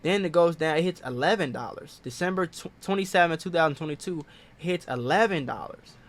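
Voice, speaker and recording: High-voiced guy breaking down crypto buying, pushy and repetitive, real sure of himself. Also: a little fast. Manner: emphatic and repetitive, self-assured. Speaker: finance video host. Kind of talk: casual investing explainer.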